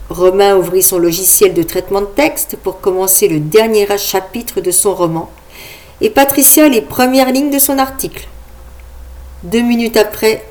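A woman's voice: medium pitch, darkish tone. A woman narrating an audiobook of a comic story in a wry, conversational way.

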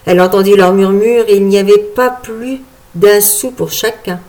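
A woman narrating a storybook in a measured, even storytelling manner. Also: medium pitch. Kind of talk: storybook reading.

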